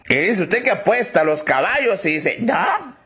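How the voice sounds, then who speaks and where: A man's voice: high-pitched, very animated, moderate pace, a bit bright. A man telling jokes and acting out the voices of his characters. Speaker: joke teller.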